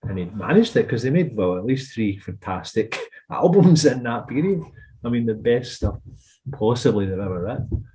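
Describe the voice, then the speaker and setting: A man's voice: medium pitch, expressive, moderate pace, dark tone, slight background noise. A Scottish man co-hosting a music podcast, talking casually and rambling into asides. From Scotland. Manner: chatty, rambling, trails into asides. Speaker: podcast co-host. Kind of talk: casual chat.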